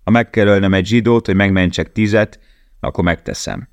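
A man voicing a grim, giant male prisoner forced into brutal work, speaking with loud, tense insistence. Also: on the low side, fairly even intonation, dry recording, natural voice.

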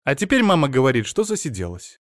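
A man's voice: mid-range voice, huge pitch swings, quick pace, dry recording, clean studio sound, pitched above the performer's own voice. A man reading an audiobook, voicing a capricious, pampered young wife who coaxes and orders her husband about. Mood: bossy. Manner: coaxing, bossy.

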